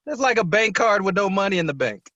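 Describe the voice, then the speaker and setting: A male guest comedian in a casual chat, laughing often and trading quick jokes. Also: high-pitched, very animated, sharp tone, dry recording, lo-fi sound. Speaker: guest comedian and massage therapist.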